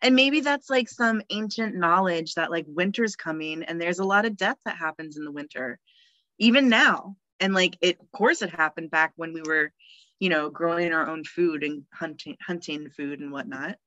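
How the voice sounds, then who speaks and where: A woman's voice: fairly low pitch, normal speed, pushed and bright, dry recording, highs cut off. Chatty, cheerful woman. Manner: chatty, cheerful, laughs often, many fillers. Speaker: podcast guest, death midwife. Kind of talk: casual podcast conversation.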